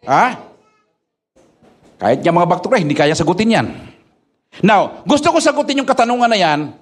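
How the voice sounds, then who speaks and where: Pastor guy with a real high voice preaching hard, lots of rhetorical questions, gets shouty. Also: very animated, moderate pace. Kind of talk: sermon.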